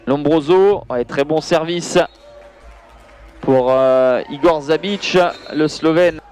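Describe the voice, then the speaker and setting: A man with a high-pitched voice calls handball highlights as a live commentator. His delivery is excitable and surges when the play heats up. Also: takes it slowly. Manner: excitable, voice surging on big plays. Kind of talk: live sports commentary over match highlights.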